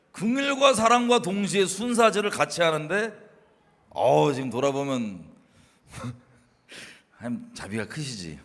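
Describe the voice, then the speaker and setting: A man talks with a higher-than-average voice that leaps up and down as he tells a story against himself. He laughs often and acts out sharp scoldings in a storyteller's way. The room gives his voice a long, ringing tail. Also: long reverb tail. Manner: animated, laughing, acts out his past self scolding others. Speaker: co-host. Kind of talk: casual faith talk.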